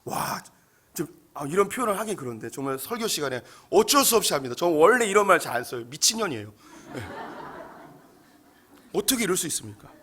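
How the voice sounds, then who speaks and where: A male pastor preaches a sermon with bright, forceful energy, his voice sitting slightly high. He tells the story in a lively, frank manner. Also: a little fast.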